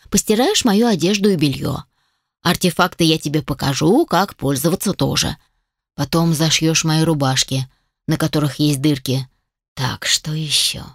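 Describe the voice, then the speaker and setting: Lady putting on a deep-ish blunt dragon guy, bossy and dry, close dead room. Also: no echo. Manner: lowered gruff voice, dry and commanding. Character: stern teasing male dragon, blunt and bossy.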